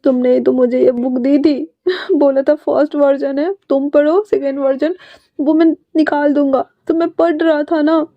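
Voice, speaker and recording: A woman's voice: high-pitched, fairly even intonation, normal speed, no room sound, voice pushed up. A woman voicing an emotional, clingy teenage boy who sounds tearful and whiny, in a dry, slightly muffled recording. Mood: pouty.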